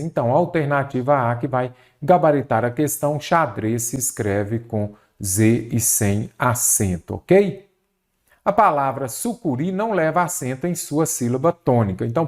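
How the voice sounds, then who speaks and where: A man with a Brazilian Portuguese accent teaching an online exam-prep grammar lesson, asking rhetorical questions and answering them himself. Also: medium pitch.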